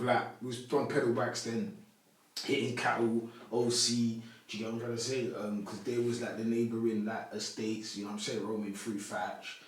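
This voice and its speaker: Man from congo, podcast guest, rambling slang, echoey room, mic at a distance. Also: medium pitch. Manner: relaxed, rambling street slang. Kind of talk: casual interview chat.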